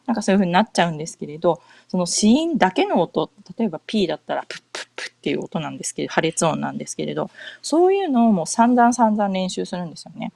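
Chatty woman with lively pitch, dry sound. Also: rapid-fire, gravelly, hardly any pauses, no echo. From Japan. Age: middle-aged. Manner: chatty, many fillers and self-corrections. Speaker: podcast host. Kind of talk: casual chat. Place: home in North America.

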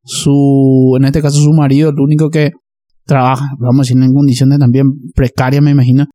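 A man's voice: mid-range voice, little pitch movement, a little fast, warm tone, dry recording, clean studio sound. A man, explaining a topic in a casual discussion and often checking that listeners follow. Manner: explanatory, checks in with "¿verdad?" and "¿entendés?".

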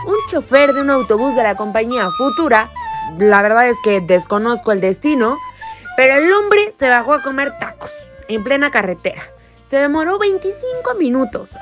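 A woman co-hosting a news podcast, reading headlines and chatting lively with her co-host. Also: sits high. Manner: lively, laughs between items. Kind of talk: news read with banter.

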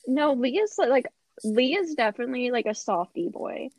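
A woman's voice: high voice, animated, moderate pace, darkish tone, slight background noise, low-quality recording. Blunt Southern American woman. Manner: blunt, swears freely, laughs often. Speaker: podcast co-host. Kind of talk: casual chat and reading aloud.

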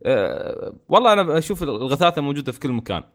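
Fast-talking Emirati man ranting. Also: fairly high pitch. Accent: Emirati Arabic. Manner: fast, animated ranting with frequent restarts. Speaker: podcast co-host. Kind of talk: casual gaming podcast chat.

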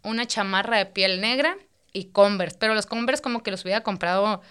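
A woman, co-hosting a podcast, telling a story in a slangy, animated way and acting out the quoted voices. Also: medium pitch, brisk, clean tone. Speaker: podcast co-host. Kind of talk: casual storytelling chat.

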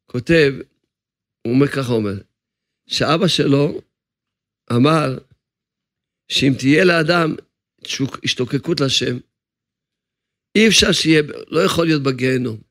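A man's voice: medium pitch, long pauses, a bit bright, dry recording, studio quality. A man preaching a sermon as a rabbi, emphatic, driving his points home by repeating phrases.

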